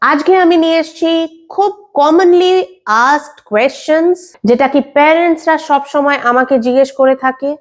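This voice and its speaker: Woman, Bengali accent, speech therapist, high voice, clear instructive explaining. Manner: clear, instructive, mixes English terms into Bengali. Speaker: speech language pathologist. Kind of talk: explaining to parents on a video channel.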